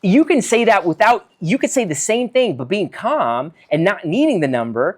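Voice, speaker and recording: A man's voice: high voice, moderate pace. A man, a physician, giving a solo talk, reading from notes and acting out example lines. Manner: animated, acts out quoted lines, reads from notes. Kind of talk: solo talk on conversation skills.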